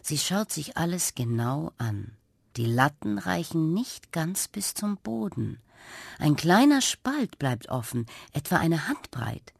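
A woman narrating a children's radio story, with a gentle, expressive way of telling it. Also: low-pitched, slow, gravelly, husky, dry recording, clean studio sound.

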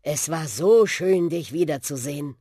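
A woman's voice: sits low, lively intonation, normal speed, mellow, husky, no echo, clean studio sound. Buschi, a wistful old bus, as a woman puts him on. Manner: wistful, sighing. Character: old sentimental male talking bus.

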